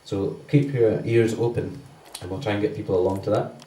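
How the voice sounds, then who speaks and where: Low, mellow man giving church notices, chatty, in a roomy church. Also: steady tone, brisk, slight background noise. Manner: loose and conversational, many fillers. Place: church hall. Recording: roomy church sound from a distance.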